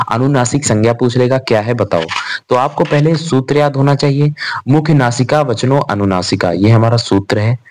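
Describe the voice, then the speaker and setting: Speaking in a fairly low, darkish voice, a young man who tutors Sanskrit grammar runs a casual revision session. He addresses students as "bhai" and keeps asking and answering his own questions.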